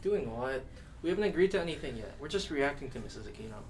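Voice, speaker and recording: A young man plays a teasing, easygoing student in a stage drama. His voice sits at a middle pitch, with clear rumbling noise behind it. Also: very animated, quick pace. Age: young adult. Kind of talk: scripted stage drama dialogue. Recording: noisy low rumble.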